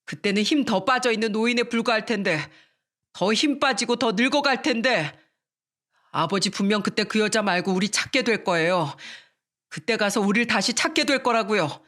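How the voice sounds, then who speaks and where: A woman's voice: mid-range voice, expressive, moderate pace, a bit bright, close to an everyday voice. A woman voicing a hot-tempered younger son who bluntly confronts his father in a radio story. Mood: defiant accusation. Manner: accusing, blunt, insistent.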